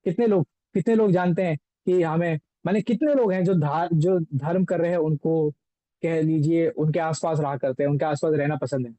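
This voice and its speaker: A man's voice: fairly high pitch, fairly even intonation, normal speed, dark tone, no room sound, poor audio. A man teaching a scripture text, explaining it through everyday examples and rhetorical questions.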